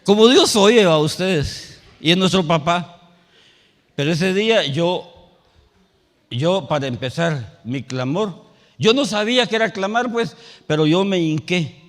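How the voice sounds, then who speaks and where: A male pastor preaching a sermon. He tells a personal story and rises to loud, emphatic calls. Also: fairly high pitch, animated, a little slow, long pauses, in a large hall. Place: church sanctuary.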